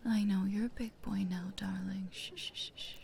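A woman speaking in a soft, coaxing, teasing whisper close to the mic, as in an intimate audio roleplay. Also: mid-range voice, fairly even intonation, normal speed, vocal fry, crowd noise.

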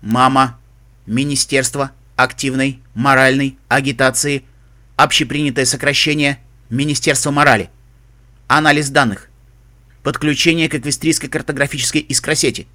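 A man's voice: mid-range voice, normal speed, natural voice. A man doing a metallic helmet computer. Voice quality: metallic, clipped and flat. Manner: terse system announcements and dictionary listings. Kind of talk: audiobook reading of a fan story.

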